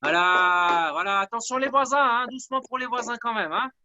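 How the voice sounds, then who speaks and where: A man's voice: very high-pitched, quick pace, lo-fi sound, noisy background. A man coaching a live online workout class, counting down reps and cheering people on. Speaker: fitness coach.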